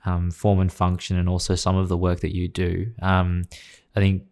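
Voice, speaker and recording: A male interviewer with a very deep voice asks his questions calmly. His intonation stays flat and even, and he sets up each topic in a measured way.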